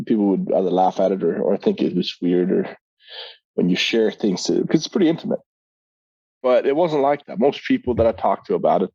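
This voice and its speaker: A man's voice: fairly low pitch, no echo. A man speaking as a podcast guest, sharing a personal testimony in a hesitant way, with many fillers and restarts. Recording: dull lo-fi sound.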